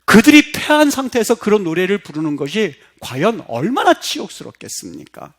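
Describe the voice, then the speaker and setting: Impassioned animated male preacher. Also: high-pitched, fairly quick. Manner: impassioned, acts out quoted voices, rises to loud emphatic peaks. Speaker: pastor. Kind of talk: sermon. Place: church sanctuary.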